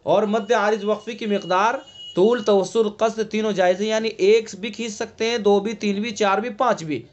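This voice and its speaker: A man teaching an online Quran recitation class, patiently explaining how each letter is sounded and chanting verses slowly with long drawn vowels. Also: high voice, fairly even intonation. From India. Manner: patient step-by-step explaining, checks "ٹھیک ہے؟".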